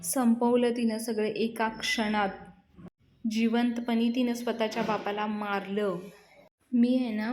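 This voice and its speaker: A woman voicing a gravely ill old father who speaks bitterly, slowly and with raised force as she retells a scene. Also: on the high side, a little mellow, a little hiss or hum, close to an everyday voice.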